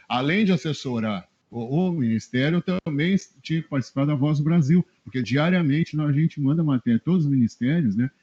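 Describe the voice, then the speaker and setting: A middle-aged man from southern Brazil, a journalist guest telling animated anecdotes in a casual interview and chuckling often. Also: mid-range voice, breathy edge. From Rio Grande do Sul, Brazil. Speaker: journalist guest, press adviser. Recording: dull lo-fi web radio audio.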